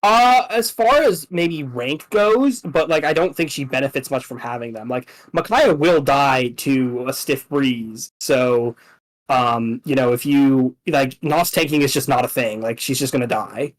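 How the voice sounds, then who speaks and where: A man's voice: mid-range voice, a little slow, rough recording. A man casually explaining game strategy, hesitant, with many fillers and restarts.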